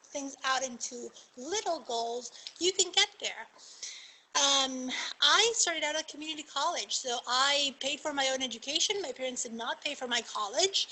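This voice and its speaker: Woman, native Spanish speaker, magistrate judge on a student panel; slightly high, bright, earnest, faint noise. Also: rough recording. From Argentina. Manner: earnest, encouraging, with frequent "um" and "uh".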